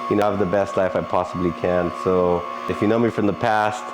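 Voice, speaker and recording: A man's voice: deep voice, fairly even intonation, brisk, noisy background. A man giving earnest, encouraging talk in a motivational vlog. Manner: earnest and encouraging, with frequent laughs. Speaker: vlogger.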